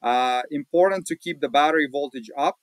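A man hosting a casual screen-share walkthrough, talking in a relaxed, plain-spoken way with many fillers, recorded at a home desk. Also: a little high, brisk, dry recording, low-quality recording. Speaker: automotive channel host.

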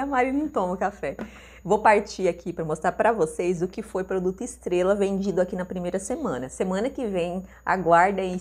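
A woman from Brazil chatting excitedly to her viewers while unboxing kitchenware at home. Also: mid-range voice. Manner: chatty and gushing, calls viewers "amores". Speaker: vlogger unboxing and reselling kitchenware. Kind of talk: casual unboxing chat to viewers. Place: home room with a mirror.

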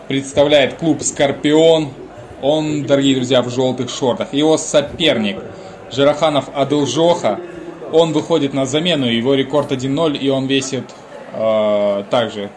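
A man giving live commentary on a combat sports bout as the lead commentator. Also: medium pitch. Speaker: fight commentator. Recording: roomy echo, music behind.

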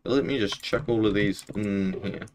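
A man's voice: on the low side, moderate pace, a little mellow. A young man with a broad New Zealand accent chatting casually on a gaming livestream in a laid-back, rambling, slangy way. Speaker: game streamer. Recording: clear background noise, keyboard and mouse clicks. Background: keyboard typing and clicks.

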